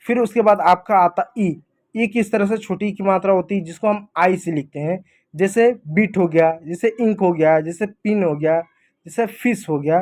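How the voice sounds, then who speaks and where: A man's voice: sits high, a little mellow. A man teaching a simple lesson in a casual classroom manner, explaining step by step and checking in with "thik hai" often.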